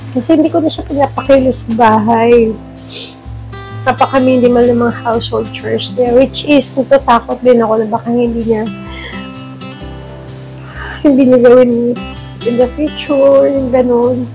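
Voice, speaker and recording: A middle-aged woman with a Filipino accent, a mother vlogging in a sit-down confessional, speaking slowly and emotionally, near tears at times, mixing English and Tagalog. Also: a little high, steady tone, dark tone, soft background music, low-quality recording.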